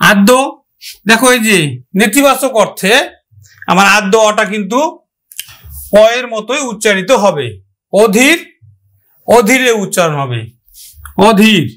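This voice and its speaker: Man, high voice, grammar teacher, drills example words slowly, asks and answers his own questions. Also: animated, a bit bright. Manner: slow, drawn-out pronunciation of example words; asks the listener questions, then answers them. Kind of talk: online grammar lesson.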